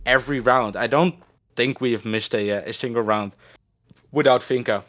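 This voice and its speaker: A woman giving excited play-by-play commentary on an esports match. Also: extremely low pitch, moderate pace. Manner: excitable, speeds up on big plays.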